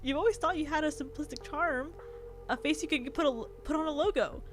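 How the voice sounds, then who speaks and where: Female game streamer: high voice, informal, giggly, switches between chat and read-aloud narration, music behind. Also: fairly quick, fairly bright tone.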